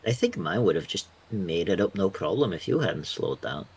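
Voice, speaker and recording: Husky-voiced man cracking jokes. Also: sits low, animated, normal speed, a little mellow. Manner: joking, dry quips. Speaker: co-player. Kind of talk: casual gameplay chat.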